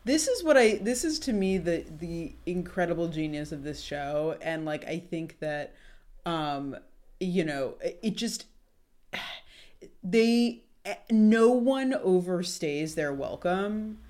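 Woman podcast co-host, lowish voice, relaxed, pauses to find words. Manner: hesitant, restarts and reflective pauses. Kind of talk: casual chat.

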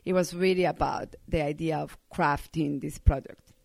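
Woman from colombia, spanish native, earnest interview guest, lowish voice, dry close sound. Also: fairly even intonation, moderate pace, creaky, darkish tone, no room sound. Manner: earnest, many fillers. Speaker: winemaker guest. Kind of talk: casual interview talk.

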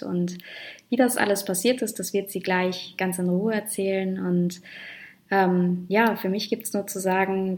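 A woman hosting a podcast, talking softly and hesitantly with many fillers as she introduces her show and her guest. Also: mid-range voice. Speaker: podcast host. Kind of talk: podcast interview.

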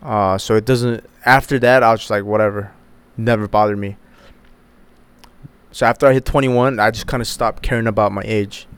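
A man's voice: fairly low pitch, fairly even intonation, moderate pace, smooth. A man in his twenties hosting a podcast alone, rambling casually with heavy swearing and lots of fillers. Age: 20s. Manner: rambling, profane, many fillers. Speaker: podcast host. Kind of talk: casual solo chat.

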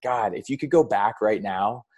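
Laid-back, very deep-voiced man. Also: moderate pace, a little mellow, slightly rough. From California. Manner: laid-back, laughs often, says "like" and "dude" a lot. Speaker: podcast guest. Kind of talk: casual chat.

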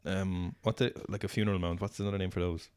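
A man's voice: low voice, level tone, darkish tone, clean tone, dry recording. A man co-hosting a podcast, chatting casually and rambling with lots of fillers. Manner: rambling, quick, many fillers. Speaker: podcast co-host. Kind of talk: casual chat.

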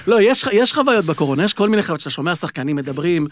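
A man with a high, light voice tells stories with a lively, animated delivery. He is chatting casually on a sports podcast. His voice sounds dry and close to the mic. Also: dry recording. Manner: animated storyteller. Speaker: podcast panelist.

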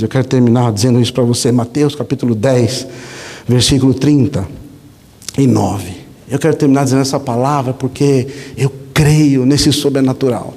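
A male pastor preaching a sermon, telling stories in an animated, conversational way and often tagging lines with a questioning aside. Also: mid-range voice, slightly rough. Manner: animated, conversational, frequent rhetorical "né?". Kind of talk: sermon with storytelling. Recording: long hall reverb.

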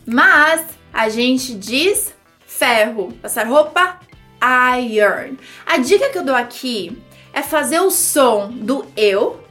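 A woman with a Brazilian Portuguese accent teaching English pronunciation in a lively, chatty way, slowing down to model words for repetition. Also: high-pitched, faint music behind. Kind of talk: pronunciation lesson video.

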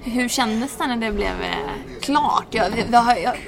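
Woman, podcast co-host, casual chat, playful, curious, fairly high voice. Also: creaky. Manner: curious and playful, laughs between questions.

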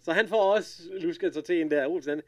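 A man casually recapping an episode, retelling scenes with lively quoted lines and laughter. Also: a little high. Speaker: podcast co-host recapping an episode. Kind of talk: casual chat.

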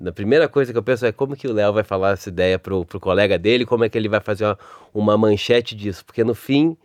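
A man speaks in a low voice with a clear Rio carioca accent. He talks informally as a podcast guest, with colloquial turns of phrase, in a close, dry recording. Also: fast, darkish tone, no echo. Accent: Rio de Janeiro carioca. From Rio de Janeiro, Brazil. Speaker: podcast guest, advertising creative executive. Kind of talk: casual interview chat.

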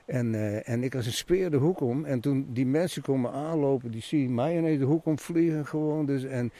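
Interviewee: man, lively and animated storyteller, mid pitch, dry recording. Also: normal speed, dry recording. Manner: animated storyteller, many restarts, acts out quotes.

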